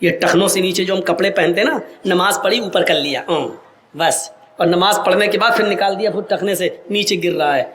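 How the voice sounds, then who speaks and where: Impassioned high-voiced male preacher. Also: reverberant. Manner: impassioned, often shouting. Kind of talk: sermon.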